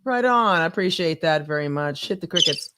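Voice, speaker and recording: A woman in her fifties co-hosts a live podcast, chatting casually, reading viewer comments aloud, laughing often, and swearing freely. Her deep voice is expressive and brisk, over heavy background noise.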